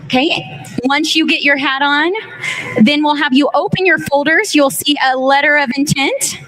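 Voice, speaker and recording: A woman's voice: sits high, normal speed, fairly bright tone, a little hiss or hum, low-quality recording. A woman emceeing a ceremony, upbeat and giving step-by-step instructions to a group. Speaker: event emcee. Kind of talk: ceremony announcing.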